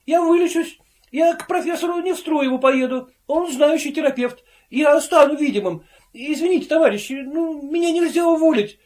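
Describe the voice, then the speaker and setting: A man voicing an indignant invisible office clerk who argues in a shrill, insistent, pleading way. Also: moderate pace, darkish tone.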